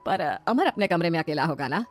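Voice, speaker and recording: A woman's voice: lowish voice, expressive, a little fast, soft background music. A woman voicing a kindly, indulgent mother-in-law in a comic skit, soothing and reassuring. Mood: gentle.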